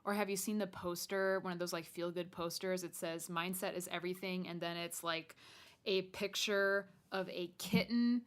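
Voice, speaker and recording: A woman's voice: lowish voice, fairly even intonation, normal speed, clear, resonant tone. A young adult woman hosting a podcast solo, talking casually and chattily, straight to the listener. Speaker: podcast host. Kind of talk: conversational solo podcast monologue.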